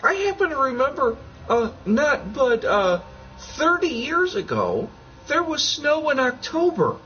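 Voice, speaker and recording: Profane, animated man chatting on stream. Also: very high-pitched, unhurried, lo-fi sound, soft background music. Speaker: livestream host. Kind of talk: casual chat.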